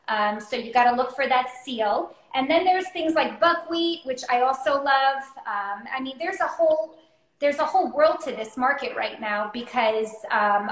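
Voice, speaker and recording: High-voiced woman chatting in a kitchen. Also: normal speed, fairly bright tone. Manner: chatty, explanatory, many fillers. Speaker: cooking show co-host. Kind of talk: casual cooking chat. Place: home kitchen, indoors. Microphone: video call, laptop or phone camera. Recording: roomy echoey kitchen.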